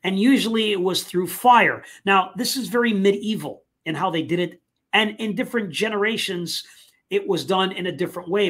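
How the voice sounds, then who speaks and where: A man hosting a live online talk show, speaking casually with many fillers and pauses. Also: sits high, a bit bright. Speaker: host.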